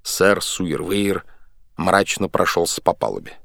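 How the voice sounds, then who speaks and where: A man's voice: deep voice, unhurried, vocal fry, no room sound, studio quality. A man narrating a whimsical sea tale as an audiobook reader, storytelling with energy. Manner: lively storytelling, voicing characters. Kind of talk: scripted narration.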